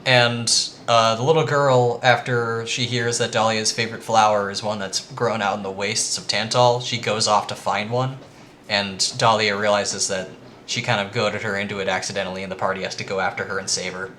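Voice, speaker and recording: A man's voice: lowish voice, flat delivery, moderate pace, a little hiss or hum. A man giving a casual, rambling presentation to friends, with lots of ums. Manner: rambling with frequent ums, quietly earnest.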